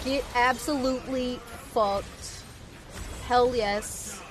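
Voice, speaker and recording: A woman streaming a video game live, commenting on her play with profane trash-talk aimed at opponents, swinging between low muttering and loud yelling. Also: fairly even intonation, slow pace, music in the background. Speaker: Twitch streamer.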